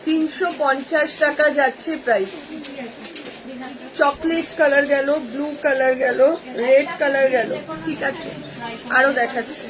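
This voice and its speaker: A woman, selling clothes from her shop on a live stream with brisk, repetitive sales patter about colours and prices. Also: high voice, steady tone, a crowd in the background, poor audio.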